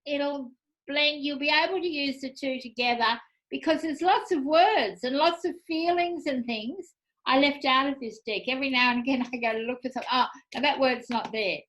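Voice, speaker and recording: A woman's voice: sits high, normal speed, a bit bright, poor audio. A woman hosting a chat show, talking about her art in a chatty, enthusiastic way. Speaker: show host, artist. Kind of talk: casual chat.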